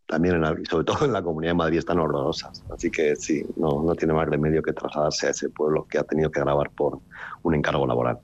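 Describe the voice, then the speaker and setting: Middle-aged man, very low voice, wry rambling interviewee, slightly dull lo-fi recording. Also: steady tone, quick pace. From Basque Country, Spain. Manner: rambling, restarts often, wry and ironic. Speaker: novelist being interviewed. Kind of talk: casual interview talk.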